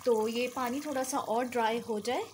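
A woman's voice: a little high, steady tone, normal speed, a little mellow. A woman walks through a recipe step by step in her home kitchen, often checking in with "theek hai". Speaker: cooking channel host. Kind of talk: recipe walkthrough over cooking footage. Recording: home video with frying noise. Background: sizzling oil and stirring.

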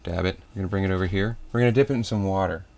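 A young man hosting a comedic painting tutorial parody, talking in a soft tutorial voice that slips into crude jokes. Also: deep voice, rapid-fire. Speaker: comedy host.

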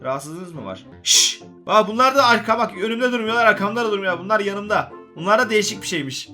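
A man hosting a gaming video, giving excitable, joking gameplay commentary straight to his viewers. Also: high-pitched, quick pace, faint music behind.

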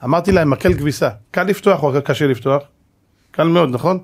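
High-voiced rabbi telling a dramatic story. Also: male voice, slightly rough. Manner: dramatic storyteller, addresses the audience with rhetorical questions. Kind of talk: sermon-style Torah lecture. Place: lecture before a live audience.

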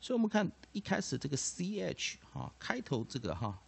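A man's voice: high voice, huge pitch swings, brisk, creaky, breathy edge. A man teaching English pronunciation, padding his sentences with filler particles and repeating each point. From Taiwan. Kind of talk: explanatory lesson.

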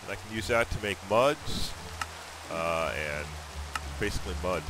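A man giving excitable let's-play commentary, thinking aloud and talking to his viewers. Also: sits low, unhurried, background noise. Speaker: gaming YouTuber.

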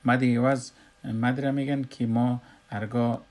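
A man with an Afghan Dari accent teaches Quran recitation in a recorded lesson, explaining slowly and pausing often with "uh". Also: medium pitch, flat delivery, a little mellow. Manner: slow, explanatory, with frequent "uh" pauses.

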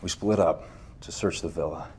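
An actor playing a curt, guarded soldier being interrogated in a video game cutscene. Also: male voice, low-pitched, moderate pace, a little mellow, slight background noise, natural voice. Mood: defensive. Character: gruff male soldier under interrogation.

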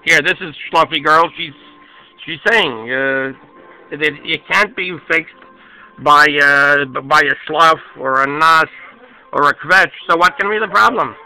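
A man reading a children's picture book aloud, pausing to explain each page in a chatty, halting way. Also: fairly high pitch, bright, forceful tone, soft background music, rough recording. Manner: chatty, explains as he goes, hesitant restarts. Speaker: storybook reader.

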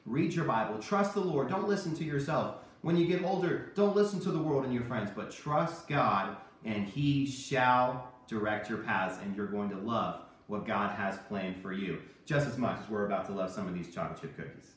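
In a very echoey home kitchen, picked up by a distant mic, a man in his thirties preaches a kids' sermon with a puppet sidekick. His lowish voice is animated, at a normal speed with few pauses, and his Bible lesson is emphatic and repetitive.

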